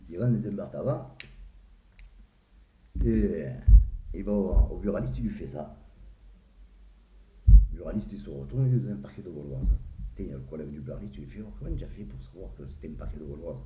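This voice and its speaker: Telling crude jokes casually, this man speaks in a low-pitched, animated voice at a fairly quick pace with frequent pauses. He plays out each character and chuckles at his own punchlines, all captured on an echoey, phone-like recording.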